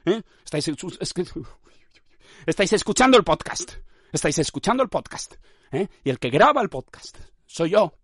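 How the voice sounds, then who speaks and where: A man's voice: fairly high pitch, very animated, moderate pace, a bit bright, husky, no room sound, clean studio sound. A man from hosting a podcast, rambling in a mock-pompous, vehement monologue full of "¿eh?" tags. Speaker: podcast host.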